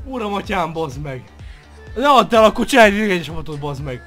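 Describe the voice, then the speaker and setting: A young man shouting and swearing with joy in an excited reaction to opening packs. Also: sits high, soft background music. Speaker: gaming video creator.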